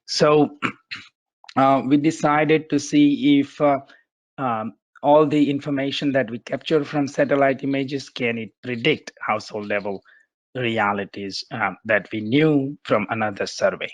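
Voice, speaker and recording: A man with a bad cold and a muffled, congested voice, giving a halting, explanatory research presentation on a webinar. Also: medium pitch, no room sound.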